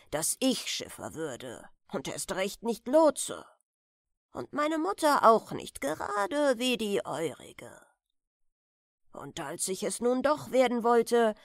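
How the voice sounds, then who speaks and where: German lady reading a bedtime fairy tale, slow and soothing, bit of gravel in the voice. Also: on the high side, no echo, studio quality. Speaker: audiobook reader.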